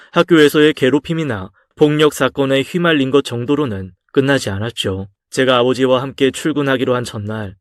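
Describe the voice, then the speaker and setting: A man narrating a first-person life story in a calm, subdued, reflective way. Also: mid-range voice, no room sound, clean studio sound.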